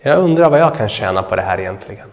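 A man's voice: fairly low pitch, animated. Man preaching in an echoey hall. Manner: asks the listeners questions and answers them. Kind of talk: sermon. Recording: dull sound with a long hall echo.

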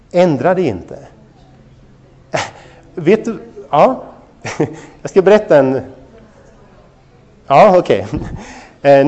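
A man preaching with an animated, storytelling delivery, his voice sitting a little higher than most men's. He turns to his listeners often with direct questions, a pastor in his thirties sharing a lesson from family life. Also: lo-fi sound. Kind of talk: sermon on parenting.

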